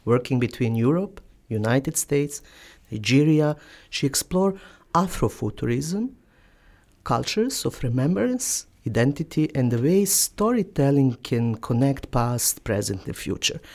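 Halting, laughing woman radio host. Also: extremely low pitch, sing-song, darkish tone. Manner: non-native English, halting with many fillers and laughs. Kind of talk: radio interview hosting. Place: radio studio.

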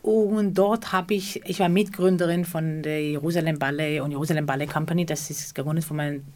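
A middle-aged woman from Israel answers interview questions in German. Her voice sits a little low, and she often pauses to search for words, rephrasing as she goes. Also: steady tone, a little mellow. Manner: searching for words, frequent hesitations. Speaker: choreographer and theatre co-founder.

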